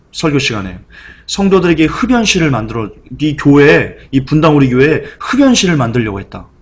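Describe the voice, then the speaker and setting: A male pastor delivering an impassioned sermon, denouncing a teaching he opposes and retelling a Bible story with vivid scenes. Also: on the high side. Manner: impassioned, denunciatory preaching.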